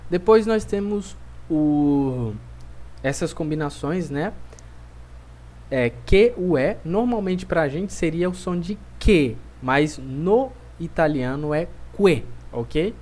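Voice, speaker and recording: Slow, deliberate Brazilian male teacher. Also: on the high side, lively intonation, a little mellow. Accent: Brazilian Portuguese. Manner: clear and deliberate, repeats words slowly for drilling. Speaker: language teacher. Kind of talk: pronunciation lesson.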